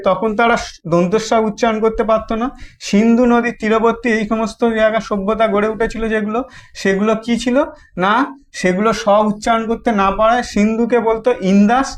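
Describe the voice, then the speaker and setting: A man with a Bengali accent teaching a history lesson, asking questions and answering them himself, with many repeats and restarts. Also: sits high. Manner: halting, restarts phrases.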